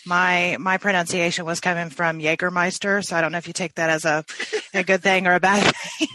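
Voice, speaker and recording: A woman's voice: on the low side, level tone, brisk, noisy background. A woman hosting an interview, friendly and chatty, often laughing as she talks. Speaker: podcast host. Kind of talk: conversational interview.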